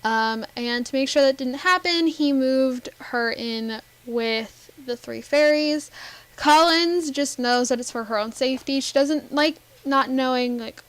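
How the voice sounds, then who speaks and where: A woman giving casual, rambling commentary over a life-simulation game, giggling often and filling pauses with ums. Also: high-pitched, fairly bright tone, clear, resonant tone, poor audio. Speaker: Sims gameplay narrator.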